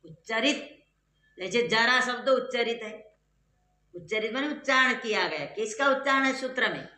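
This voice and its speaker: Teacher, bright and clear, patient step-by-step explainer who keeps quizzing the class; echoey room. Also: mid-range voice, lively intonation, normal speed, slight background noise. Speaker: Sanskrit grammar teacher. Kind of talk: classroom lecture.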